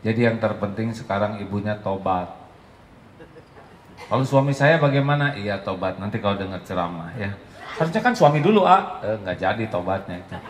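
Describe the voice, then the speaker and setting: A man preaching, answering a question in a gentle, storytelling way. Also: brisk. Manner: gentle, storytelling, acts out mothers in a shrill voice. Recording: echoey hall with faint noise.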